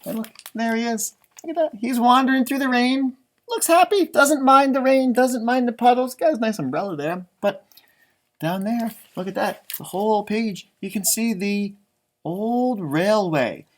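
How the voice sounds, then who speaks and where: With an extremely high-pitched voice and a moderate pace, a man reads a children's storybook aloud like a teacher would. He reads expressively and pauses for informal asides that explain the words and pictures in simple terms.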